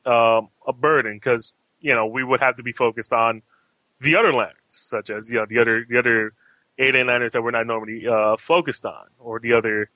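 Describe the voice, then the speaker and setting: A man with a bright, forceful voice hosts a casual comics podcast. He rambles with restarts and throws questions to the panel. The sound is dry and close to the mic. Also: mid-range voice, steady tone, a little fast, no echo, rough recording. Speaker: podcast host. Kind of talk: casual chat.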